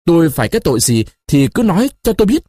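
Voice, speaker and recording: A man voicing a young wife, indignant and defiant, with a shrill, sharp, stubborn way of talking in a story reading. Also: sing-song, fast, no echo, studio quality.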